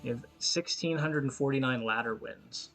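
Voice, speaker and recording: A man's voice: medium pitch, moderate pace, a bit bright, soft background music. A man chatting in an easygoing way as a podcast co-host, with lots of fillers. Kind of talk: casual chat about a card game.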